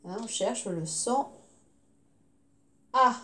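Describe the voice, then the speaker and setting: A woman's voice: a little high, lively intonation, slight background noise. A woman teacher giving a recorded phonics lesson to young children, sounding out words syllable by syllable. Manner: slow, clearly articulated syllables.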